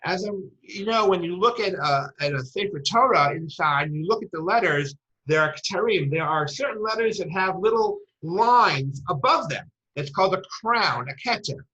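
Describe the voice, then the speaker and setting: Bright-voiced woman lecturing on a dull recording. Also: on the low side, animated, moderate pace. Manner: storytelling, retells quoted dialogue; mixes Hebrew terms into English.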